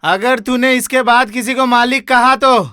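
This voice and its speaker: An actor playing a mocking, bossy elder brother in a Hindi film drama. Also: male voice, very high-pitched, fairly even intonation, normal speed, sharp tone, clean tone, dry recording, clean studio sound. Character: scheming elder brother, mocking servant-loving master.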